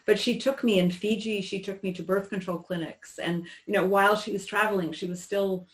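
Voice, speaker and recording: A woman in her sixties recalling her childhood in an interview, talking in a halting, reflective way with many restarts. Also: medium pitch, steady tone, low-quality recording. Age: 60s. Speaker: interview guest. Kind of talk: personal recollection in conversation.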